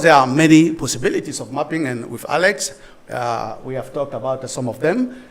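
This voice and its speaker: Male conference speaker from Cameroon, middle-aged, somewhat high voice, halting, restarts his sentences. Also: rough recording. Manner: halting, thinks aloud with restarts, asks for next slide. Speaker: symposium presenter. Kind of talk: academic conference talk.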